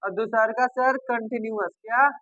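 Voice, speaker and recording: A man's voice: extremely high pitch, fairly even intonation, moderate pace, bright, forceful tone, dry recording, dull audio. A male teacher giving a grammar lesson, repeating terms and asking and answering his own questions. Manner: repetitive, addresses students as babu and sir, asks and answers himself.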